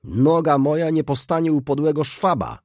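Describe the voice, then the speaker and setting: A man voicing a hot-tempered, proud middle-aged shopkeeper who bursts out loudly and indignantly. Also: fairly low pitch, expressive, moderate pace, breathy edge, dry recording, clean studio sound. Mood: shouting. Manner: loud, indignant outbursts.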